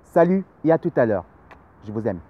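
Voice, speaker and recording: A man's voice: mid-range voice, big pitch swings, normal speed, narrow, tinny audio. A man giving a casual spoken film review, rambling and repeating himself with many fillers.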